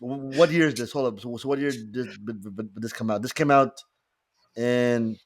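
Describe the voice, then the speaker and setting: A man's voice: medium pitch, a little fast. A man co-hosting a casual podcast, reading out trivia questions with stumbles and restarts.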